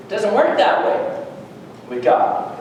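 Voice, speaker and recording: A man preaching a sermon as pastor, animated, with rhetorical questions and emphatic peaks. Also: high-pitched, slow, a little hiss or hum. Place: church hall. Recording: echoey church hall, far from mic.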